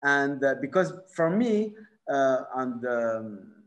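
Speaking over a laptop mic on a video call from a bright room in his home, this forties-aged film director has a medium-pitched, sing-song, slightly bright voice and a French accent. Born in Morocco and raised in France, he halts often while searching for words, fills gaps with fillers, and talks with his hands.

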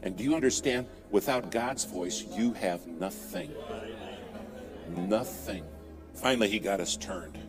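A man preaching a sermon, telling a dramatic story and driving points home by repeating key words and slowing down. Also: on the low side, in a large hall, music in the background.

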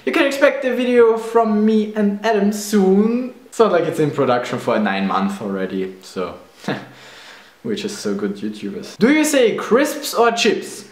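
A young man in his twenties with a German accent answers questions in a casual video, sounding playful and self-mocking. He's a vlogger with a high-pitched voice that swings widely in pitch, speaking at a measured pace. The camera records him at close range in a reverberant indoor room.

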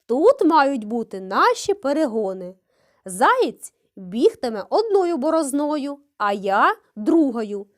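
A woman voicing a sly, unhurried male hedgehog in a children's fairy tale. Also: sits high, big pitch swings, voice pushed down, exaggerated voice.

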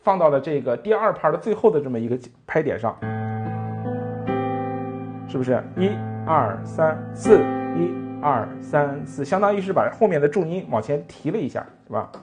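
Man teaching piano lively, animated speech. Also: a little high, brisk, long pauses. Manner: counts beats aloud, asks frequent rhetorical tag questions. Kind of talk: music lesson with counting and playing. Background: piano playing.

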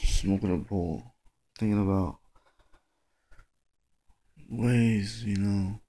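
A man talking to his phone camera at home in a rambling, mumbling casual monologue, halting with fillers. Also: lowish voice, fairly even intonation, mellow. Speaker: vlogger. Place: at home indoors. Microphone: phone camera close up.

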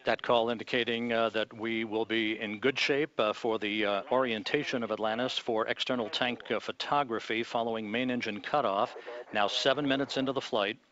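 Speaking from mission control, a man gives live launch commentary in a measured, calm announcer style. His voice is mid-range, and the audio has its highs cut off.

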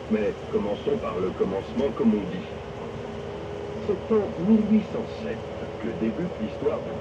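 An audio guide narrator delivers scripted narration in a mid-range, lightly acted voice, playing a proud older former miner and winemaker showing visitors around. His intonation is lively and swooping. He comes through a muffled loudspeaker on a moving open tourist train, heard from afar over loud engine noise and outdoor ambience.

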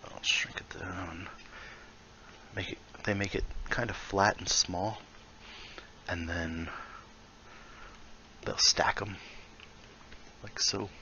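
Slow and steady, pausing often, a man with a low voice and sharp tone casually explains how he builds in VR, thinking aloud and muttering asides. He's a VR building tutorial creator; the audio is dull with slight background noise.

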